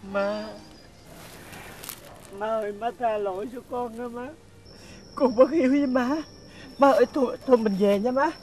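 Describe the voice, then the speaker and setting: An actor playing a weak-willed father who speaks haltingly and stammers when pressed. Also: very high-pitched, fairly even intonation, darkish tone, a little hiss or hum. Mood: remorseful. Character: weak-willed village father, guilty and hesitant. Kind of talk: comic stage sketch acting.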